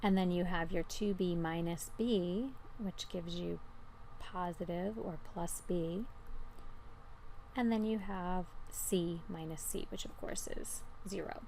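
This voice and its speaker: A woman's voice: on the low side, fairly even intonation, slow pace, a little mellow, a little hiss or hum, low-quality recording. A woman teacher giving an informal, step-by-step explanation in a recorded math lesson.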